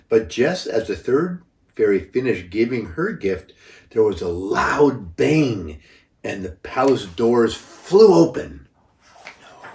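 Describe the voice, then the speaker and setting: A grandfather reads a children's story aloud, very slow and unhurried, with dramatic emphasis and the odd stumble. His voice is fairly low with a darkish tone. He sits away from the mic in an echoey room, so the recording sounds roomy and distant.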